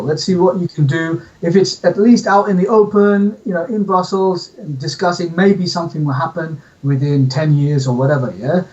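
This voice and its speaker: A man from the UK, telling his story as an interview guest in a relaxed way. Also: fairly high pitch, distant mic, highs cut off. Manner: relaxed storytelling, says "yeah?". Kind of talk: casual interview.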